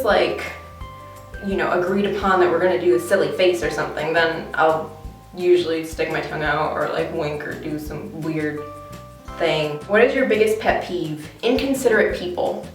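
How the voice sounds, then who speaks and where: American woman vlogging in a very echoey bathroom. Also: fairly low pitch. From Connecticut, USA. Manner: talky, informal. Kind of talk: casual chatty tag video. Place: small bathroom, indoors. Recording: echoey bathroom, distant camera mic.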